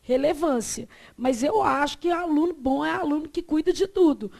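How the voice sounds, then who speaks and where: A Brazilian woman teaching a Portuguese class, quizzing her students and drawing words out slowly to show how they are said. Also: high voice, creaky. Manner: lively, asks the class questions and answers them herself; stretches words out slowly to model pronunciation. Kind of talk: classroom lecture.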